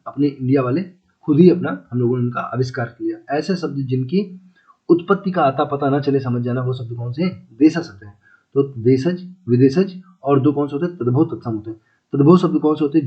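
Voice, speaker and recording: A man teaching a casual exam-prep Hindi lesson, repeating key words and asking listeners if they follow. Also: mid-range voice. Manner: repeats key words, asks checking questions; chatty, calls listeners brother and friends. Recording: slightly dull lo-fi audio.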